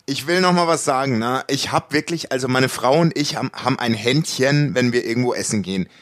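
A man's voice: mid-range voice, a little fast, a bit bright. A man telling a long restaurant story in casual chat, full of restarts and slang. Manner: rambling anecdote with many restarts and colloquial slang.

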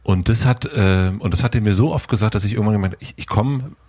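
A man hosting a casual podcast conversation, calm and hesitant, with many fillers. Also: fairly low pitch, fast talker. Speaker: podcast host. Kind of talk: casual chat.

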